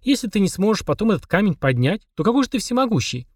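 Man doing a timid squeaky little girl. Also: very animated, quick pace, slightly rough, no room sound, clean studio sound, exaggerated voice. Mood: curious. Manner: high, breathless questioning. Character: timid curious young girl.

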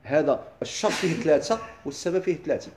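Fast-talking Moroccan man teaching. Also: a little high, expressive, a little mellow, echoey room, a little hiss or hum. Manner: quizzes listeners with quick questions, then answers himself. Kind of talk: classroom lesson explaining legal theory.

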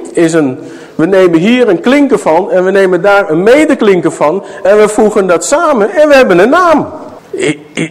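Male preacher, sermon, high voice, animated swings in pitch, slow deliberate delivery. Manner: questions the audience, dramatic slow emphasis.

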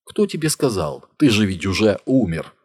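A man voicing a calm, controlling man who gives cold commands in an audiobook. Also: on the low side, normal speed, husky. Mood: menacing.

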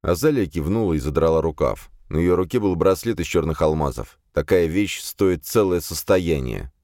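A man narrating a first-person fantasy audiobook in a measured, wry tone. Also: low-pitched, animated, darkish tone, no room sound, studio quality.

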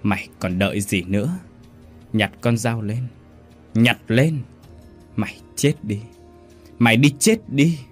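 A man's voice: medium pitch, sing-song, unhurried, pauses often, soft background music. A man voicing a cruel middle-aged man who snarls his commands. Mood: menacing.

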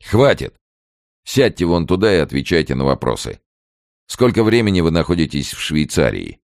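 A man voicing a gruff policeman who barks his orders. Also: very deep voice, big pitch swings, brisk, dry recording, clean studio sound, pitched above the performer's own voice, exaggerated voice. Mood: stern. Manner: barking. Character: gruff barking male policeman.

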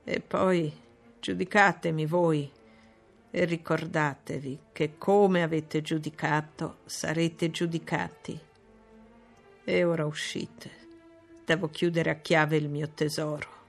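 A woman's voice: low voice, steady tone, slow, vocal fry, faint music behind, exaggerated voice. Rochester, a bitter brooding master, read by a woman. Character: grim bitter man, the master of the house.

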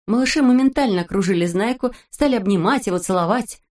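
A woman narrating a children's storybook chapter in a measured, expressive way. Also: medium pitch. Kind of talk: storybook reading.

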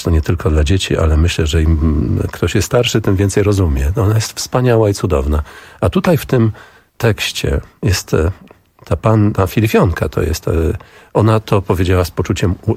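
A man hosts a radio talk show, thinking aloud and restarting his phrases. His voice is very low and husky, with a lively melody. It is dry and close on a studio mic. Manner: improvising, musing, many restarts. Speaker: radio host. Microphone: studio microphone.

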